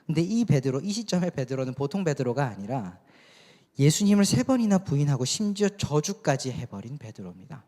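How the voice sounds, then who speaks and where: A man's voice: on the high side, very animated, a little fast, dark tone. A man preaching a sermon as youth pastor, talking conversationally and asking the congregation questions. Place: church sanctuary. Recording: long church hall reverb.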